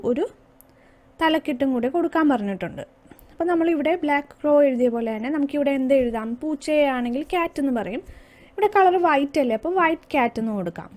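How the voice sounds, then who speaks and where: High-voiced Malayali teacher explaining slowly. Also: female voice, a little mellow. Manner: patient, slowing down to read English lines aloud; asks questions then answers them herself. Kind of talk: explaining a primary school English lesson.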